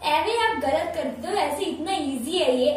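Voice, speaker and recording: A woman teaching in a playful casual way, repeating words slowly and drawn out, recorded from far off in an echoey room. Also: high-pitched, expressive, a little hiss or hum. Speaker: English teacher.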